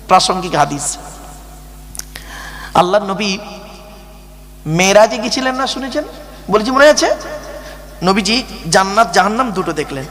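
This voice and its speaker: High-pitched preacher guy, dramatic storytelling sermon, hall echo, bit of hum. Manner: dramatic storytelling with rhetorical questions to the audience. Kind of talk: emotional Islamic sermon. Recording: echoey hall with faint hum.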